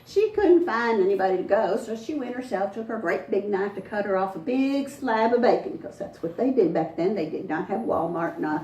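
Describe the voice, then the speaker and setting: A woman's voice: mid-range voice, expressive, fairly quick, hardly any pauses, mellow, slight background noise. A woman storyteller, telling a folktale to a live audience in a folksy, dramatic way. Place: front porch event. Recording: echoey, distant mic, faint ambience.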